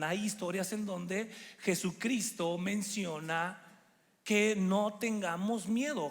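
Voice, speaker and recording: A middle-aged man preaching a sermon as a guest speaker, lively and acting out the people he quotes. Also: high voice. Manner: animated, acts out quoted people in put-on voices. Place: church hall stage. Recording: long hall reverb.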